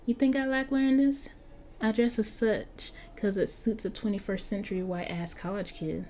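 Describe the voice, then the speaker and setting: A cocky undead street kid with a Southern US drawl, rattling off slangy asides as a woman reads the part in an interactive story. The voice is soft and mellow rather than bright. A faint noise sits under the recording. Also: mid-range voice, fairly even intonation, moderate pace, lightly acted. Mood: flippant. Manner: chatty, flippant, slangy. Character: cocky young-looking vampire, century-old street kid. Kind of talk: reading an interactive story aloud.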